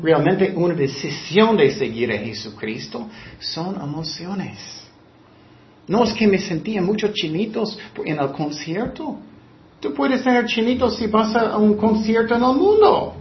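High-voiced man preaching in an echoey room. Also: a little hiss or hum. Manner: preaching with mocking quoted voices. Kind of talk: sermon. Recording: echoey room, dull lo-fi sound.

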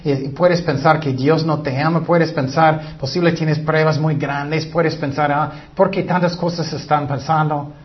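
A man's voice: on the high side, highs cut off. A man preaching a sermon in an earnest, emphatic way. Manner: earnest, emphatic, breaks into acted quotes.

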